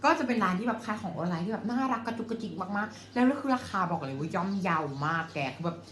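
A playful young woman chats her way through a casual home Q&A vlog, her pitch bouncing up and down as she reads comments. The sound is roomy, with a faint hiss of noise behind her. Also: expressive, fast talker, a bit bright. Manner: chatty, playful, swears and laughs. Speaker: vlogger.

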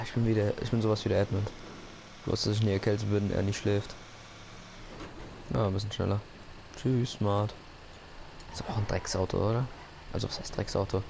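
Over noisy gameplay audio, a German-speaking man with a low, gravelly voice does casual let's-play commentary for his gaming YouTube channel, rambling along and cracking jokes to himself.

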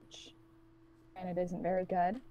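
A woman playing a cold, guarded woman trapped with strangers, who speaks in a blunt, cutting monotone. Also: on the low side, takes it slowly, a little hiss or hum.

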